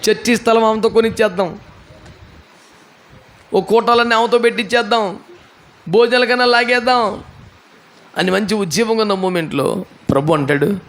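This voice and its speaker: A man's voice: high voice, a bit bright. A male pastor preaching a sermon, telling a Bible story dramatically with voiced characters and rhetorical questions. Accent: Telugu. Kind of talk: Telugu sermon with acted Bible scenes.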